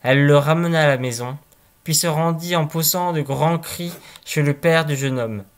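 A man reading a fairy tale aloud in a calm, measured storytelling voice. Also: fairly high pitch.

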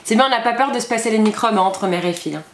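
A woman hosting a casual food-tasting vlog with her child, playful and animated, laughing often. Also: on the high side, racing. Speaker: vlog host, mother. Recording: echoey room with background noise.

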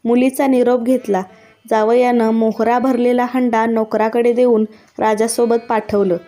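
A woman narrating a devotional tale in a steady, scripted storytelling voice. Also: fairly high pitch, unhurried, soft background music.

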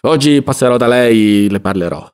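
A man's voice: mid-range voice, lively intonation, moderate pace, a little mellow, clean tone, lightly acted. A man reading as a blunt, teasing housemaid. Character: chatty peasant housemaid, young woman, giggly.

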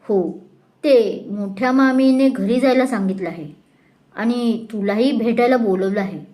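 A woman doing a young man in an audio story who explains plainly what happened, in a bright, higher voice. He sounds matter-of-fact. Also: unhurried, natural voice.

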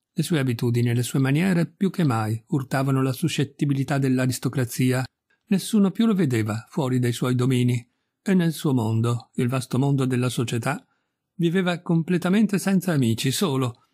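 Husky middle-aged guy reading an old story, mellow dark tone, slow and careful. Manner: measured literary reading, quoting characters with small pitch rises. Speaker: audiobook reader. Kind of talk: scripted narration of a classic tale.

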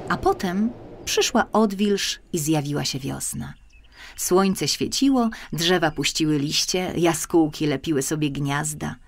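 With music playing beneath her, a woman whose voice sits low reads a children's fairy tale aloud in an audiobook, deliberate and expressive.

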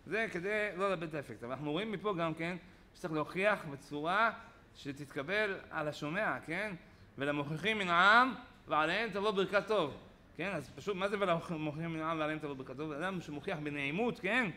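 A man, a rabbi giving a Torah lesson in a study hall, telling stories with lively acted-out quotes. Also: on the high side, a little hiss or hum. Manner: animated storytelling with acted-out quotes.

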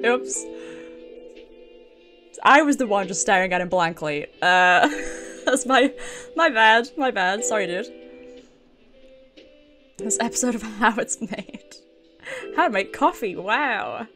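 Game music plays as a British game streamer talks to herself, reads dialogue aloud, and gives casual, playful live commentary laced with giggles and mild swearing. Her medium-pitched voice is a bit bright with lively intonation, and she takes it slowly with long pauses.

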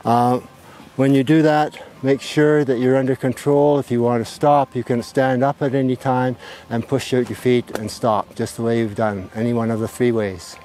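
A man's voice: medium pitch, little pitch movement, moderate pace, warm tone. An older man working as a ski instructor, giving an informal demonstration lesson in simple step-by-step instructions and short repeated phrases. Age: older, 60s or above. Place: outdoors on a snowy ski slope. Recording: outdoor ambient noise.

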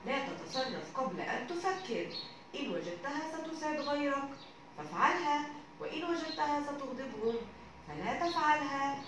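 A woman's voice: high voice, expressive, moderate pace. A woman teacher voicing a sensible young schoolgirl who gives advice in a children's story, read in an echoey room from a distance with background noise. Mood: advising.

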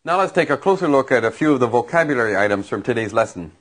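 A man's voice: mid-range voice, animated, fast, slight background noise. A man teaching vocabulary and grammar in a lesson, explaining patiently with examples. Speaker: language teacher.

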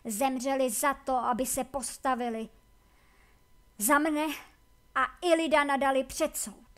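A woman voicing a proud, vengeful female warden who is imprisoned and bitter, with sharp, scornful retorts. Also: sits high, steady tone, clean tone.

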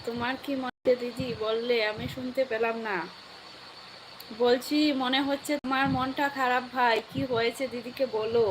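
A woman with a sore, hoarse throat, chatting live with viewers and asking warmly after them. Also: a little high, level tone, moderate pace, background noise. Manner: caring, asks viewers how they are. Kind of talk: casual live chat reading viewer comments.

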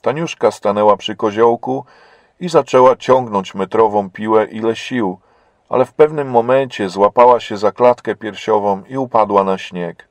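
A man reading a religious story aloud in a steady, earnest audiobook narration, close to the mic. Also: on the low side, normal speed, no room sound.

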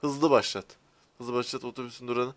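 A man's voice: mid-range voice, flat delivery, brisk, a bit bright, no echo. A young man commentating on a game he is playing, talking to viewers in a slangy, exasperated way. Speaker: gaming YouTuber. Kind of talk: gameplay commentary.

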